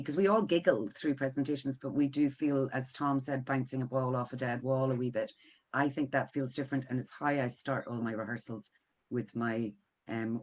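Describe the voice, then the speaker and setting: A middle-aged woman, a music tutor talking casually on a video call with lively joking asides. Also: rumbling low. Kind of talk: casual online webinar talk. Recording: dull lo-fi audio.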